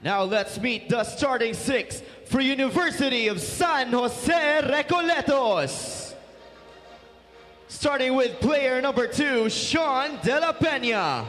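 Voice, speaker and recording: A man's voice: extremely high pitch, lively intonation, a bit bright, soft background music. A man announcing referees and starting players over the PA, stretching out each name. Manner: slow, drawn-out announcing of names. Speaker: arena announcer. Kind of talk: player introductions over the arena PA. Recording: long reverb of a big coliseum.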